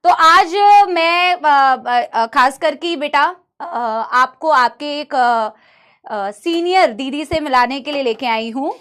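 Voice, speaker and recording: Casual online class with a woman teacher. her voice sits high and she keeps up a friendly, chatty patter with her students, calling them in close. she is coming through a laptop mic. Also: slow, a bit bright. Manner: chatty, addresses students fondly. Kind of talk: live online class talk.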